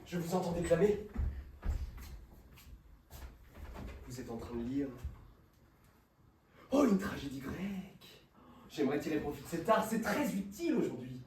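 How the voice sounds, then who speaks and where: An actor playing an eager, deferential, bookish assistant in a hammy, declamatory stage style. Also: male voice, fairly high pitch, sing-song, moderate pace, long pauses, a little mellow. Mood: fawning, apologetic. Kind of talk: theatrical stage acting. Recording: roomy, distant stage recording with faint noise.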